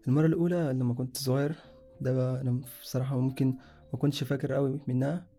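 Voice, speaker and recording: A man's voice: mid-range voice, flat delivery, racing, mellow, faint music behind. A young man from Sudan, casually telling his own story in a rambling way, often correcting himself mid-sentence. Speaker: guest sharing a personal story.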